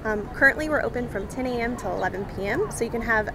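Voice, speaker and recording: A woman's voice: a little high, animated, fast. A young woman, a marketing director, answers interview questions outdoors on a waterfront plaza in an upbeat, promotional way with frequent ums. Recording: outdoor noise behind the voice.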